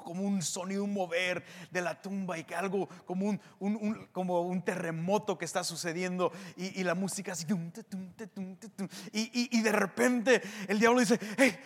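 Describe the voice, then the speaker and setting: Male preacher, animated storyteller, high voice, long hall reverb. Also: moderate pace, hardly any pauses. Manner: animated storytelling with vocal sound effects. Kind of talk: sermon.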